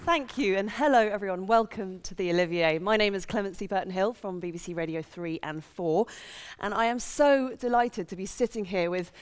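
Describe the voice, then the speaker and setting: A woman's voice: mid-range voice, brisk, few pauses, clear, resonant tone. A woman hosting an onstage interview in a theatre, speaking as an enthusiastic presenter. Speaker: interview host. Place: large theatre stage.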